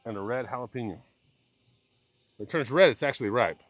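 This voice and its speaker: Husky, lively man joking outdoors. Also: mid-range voice. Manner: joking, quick offhand remarks. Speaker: vlogger's husband. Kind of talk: casual chat. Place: outdoors in a farm garden at dusk.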